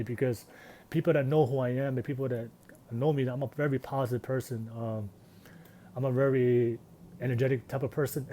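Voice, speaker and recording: Earnest man, mellow voice. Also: mid-range voice, a little hiss or hum. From Tonga. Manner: earnest, reflective and upbeat. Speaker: vlogger. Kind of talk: casual personal vlog monologue.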